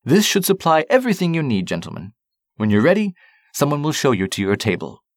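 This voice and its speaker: A man reading a storybook, voicing a smiling, gracious male maitre d' who booms his welcomes. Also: wildly swooping pitch, brisk, dry recording, clean studio sound. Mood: courteous. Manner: booming, courteous.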